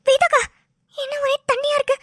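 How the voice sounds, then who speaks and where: Woman doing a panicky but bossy cartoon girl, squeaky high, hurries everyone. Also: little pitch movement, a little fast, no echo, clean studio sound. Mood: urgent. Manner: urgent, commanding. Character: alarmed young woman, bossy in a crisis. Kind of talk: cartoon voice acting.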